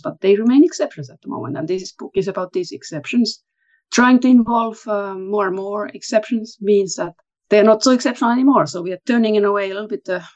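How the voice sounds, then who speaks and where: A woman academic, a guest on an interview podcast, speaking in a measured, thoughtful way. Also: mid-range voice, a little mellow, muffled recording. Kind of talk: interview conversation.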